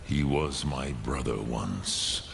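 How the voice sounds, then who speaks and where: An actor playing an ancient, wise, melancholy male dragon in a fantasy game, speaking gravely and formally with a deep gravelly voice. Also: full character voice. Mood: solemn, mournful. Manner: slow, grave, formal, archaic phrasing. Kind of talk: fantasy video game dialogue. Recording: loud rumbling noise behind the voice.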